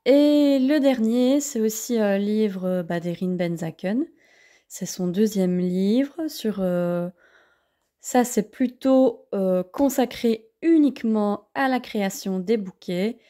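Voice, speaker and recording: A woman's voice: medium pitch, slow, dark tone. A woman vlogger casually reviewing books, hesitant with many fillers.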